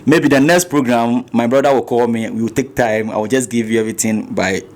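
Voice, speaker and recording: A man, a guest in an interview, talking in fast bursts and often repeating words and restarting. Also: medium pitch, a little mellow. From Ghana. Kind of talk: casual interview talk.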